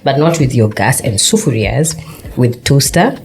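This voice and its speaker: Kenyan woman radio host, low voice, playful and teasing, studio chat. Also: sing-song, normal speed, a little mellow. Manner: playful, teasing, laughs often. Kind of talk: casual radio chat mixing English and Swahili slang.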